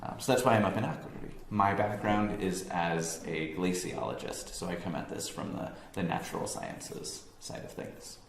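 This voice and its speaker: A staff member from a science organization, an American man from near Boston, gives an informal, relaxed talk to an audience, full of ums and self-corrections. His voice is low-pitched and creaky, at a normal speed with hardly any pauses. The room is echoey, with a faint hum in the background.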